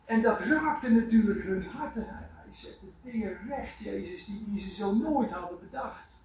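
A man preaching a sermon, telling Bible stories with lively acted quotes. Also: sits high, normal speed, muffled recording, a little hiss or hum. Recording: echoey room, voice from far off.

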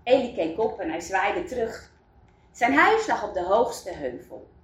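A woman reading a children's story aloud, in an expressive storybook manner. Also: medium pitch, unhurried. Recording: roomy, distant mic.

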